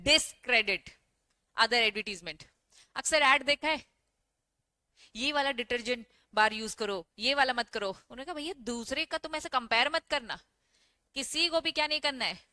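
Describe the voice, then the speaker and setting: Lively woman teaching a class. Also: high-pitched, no echo. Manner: lively, asks the class questions and answers them herself. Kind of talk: online class lecture.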